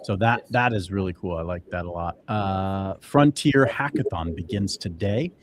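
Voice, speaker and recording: A man's voice: low-pitched, normal speed, background noise. A young man co-hosting a casual crypto show, talking loosely with many fillers and restarts. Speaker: co-host.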